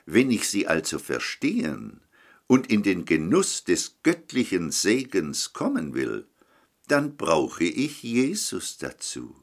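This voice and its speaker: A man's voice: deep voice, huge pitch swings, takes it slowly. A man preaching a short recorded telephone sermon, addressing the listener directly and pleading with them.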